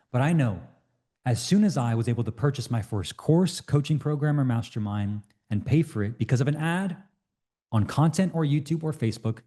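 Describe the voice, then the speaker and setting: Energetic man hosting a webinar. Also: medium pitch, slightly rough. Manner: energetic, repetitive, salesy. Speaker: webinar host. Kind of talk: live webinar Q&A.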